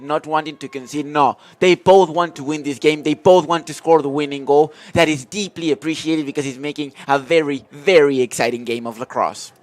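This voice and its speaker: A man giving live analysis as color commentator at a lacrosse game. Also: fairly high pitch.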